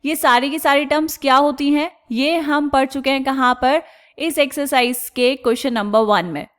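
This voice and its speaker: A woman teaching chemistry step by step, asking questions and answering them herself, and drawing out technical terms slowly. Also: sits high, fairly even intonation, a bit bright. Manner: asks the class questions and answers them herself, calls students "beta"; slows down and stretches out technical terms. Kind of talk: explaining step by step on a board.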